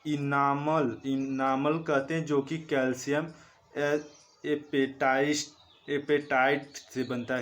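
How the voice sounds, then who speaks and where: A man teaching a lesson from slides, speaking slowly and repeating terms as he corrects himself. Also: medium pitch. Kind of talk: slide-based online lesson.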